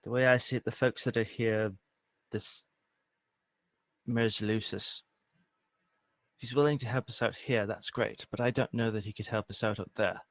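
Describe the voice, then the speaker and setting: Low-voiced man reasoning in character. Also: fairly even intonation, normal speed, long pauses, no echo. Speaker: player. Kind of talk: in-character tabletop role-play.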